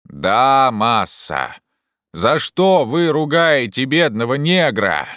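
A man voicing a simple, cautious male servant who calls out in a slow, drawn-out way. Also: mid-range voice, very animated, sharp tone, no echo, clean studio sound, pitched above the performer's own voice, exaggerated voice. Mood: calling out.

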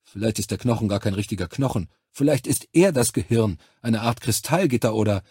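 Ruhiger, sachlicher Militärarzt, von einem Mann vorgelesen, tiefe, leicht belegte Stimme, dunkler Klang. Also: male voice, on the low side, lively intonation, a little fast, dark tone, husky, no room sound, studio quality. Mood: clinical. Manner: clinical, matter-of-fact explaining. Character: composed male army medic examining alien bodies.

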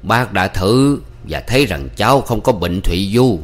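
A man voicing an old man, a former cook, who questions slowly and deliberately. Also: fairly low pitch, lively intonation. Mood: probing. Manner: slow, probing, deliberate.

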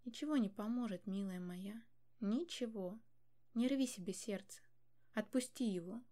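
A weary old king speaks quietly to his daughter, heavy and resigned. A woman reads him in a mellow, low-key tone. His talk is slow and grave. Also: close to an everyday voice.

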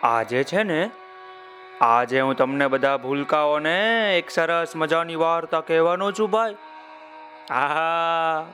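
A middle-aged male storyteller reading to young children. He takes his time, lilting up and down, and keeps turning to speak to the listeners directly. His voice sits high for a man, and faint music plays behind him. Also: unhurried. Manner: warm, sing-song, addresses listeners directly.

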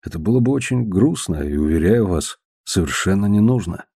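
A man reading the part of a calm, ironic man who speaks softly and slowly in an audiobook. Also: deep voice, vocal fry, husky, no room sound, clean studio sound, heavily acted. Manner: soft and slow-spoken. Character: calm ironic man, gentle, quietly menacing.

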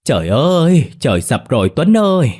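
A man voicing a cowardly, tearful middle-aged man in an audiobook story. He wails in a high voice and rushes his words. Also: very animated, darkish tone. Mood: wailing. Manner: wailing, high and fast.

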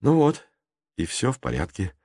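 A man's voice: lowish voice, wildly swooping pitch, moderate pace, breathy edge, dry recording, clean studio sound, exaggerated voice. A man reading an audiobook voices a brave, determined boy who calls out firmly. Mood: calm. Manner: determined, raised shouts.

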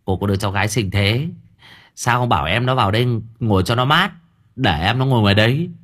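A man's voice: fairly low pitch, lively intonation, fast talker, a bit bright. A man voicing a jumpy, easily spooked young man who talks bluntly, in an audio story. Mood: insistent. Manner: blunt, insistent, crude slang.

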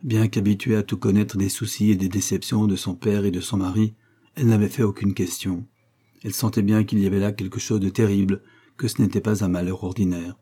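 A man narrating a classic novel as an audiobook, in a measured, even reading. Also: on the low side, husky.

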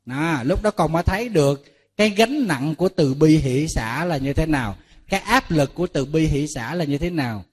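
A Buddhist monk preaches to a gathered audience in a fairly high voice. He tells lively stories and plays out both sides of conversations. He keeps turning to the listeners with rhetorical questions. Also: moderate pace, husky. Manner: lively storytelling, acting out dialogues with listeners. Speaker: Buddhist monk giving a dharma talk. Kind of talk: sermon to a lay audience.

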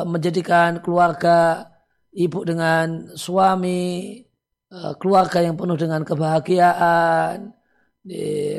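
A man, an Islamic cleric, giving calm religious advice to listeners, with many "eh" and "ya" fillers. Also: high voice, gravelly.

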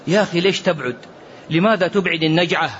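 Man, religious Q&A lesson, fairly high voice, muffled recording with faint hiss. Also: quick pace, fairly bright tone. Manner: earnest preaching, mixes classical and dialect, quotes others. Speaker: Islamic scholar answering questions. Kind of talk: religious Q&A lesson with colloquial asides.

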